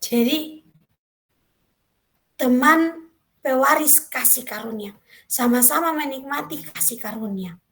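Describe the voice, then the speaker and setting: A middle-aged woman, preaching a devotional sermon and telling a story, quoting people in lively voices. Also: high voice, takes it slowly, pauses often.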